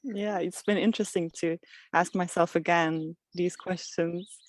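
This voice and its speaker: A woman from Switzerland, a podcast guest speaking outdoors in a reflective, halting way. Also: on the low side, fairly even intonation, dry recording. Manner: soft, reflective, halting with restarts. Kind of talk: casual interview chat. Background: birdsong.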